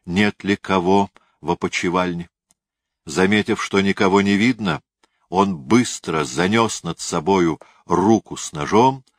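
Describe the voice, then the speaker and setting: A man reads a historical novel aloud in a measured, grave manner. His voice is very low and deep. The recording is dry, with no room sound. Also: dry recording. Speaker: narrator.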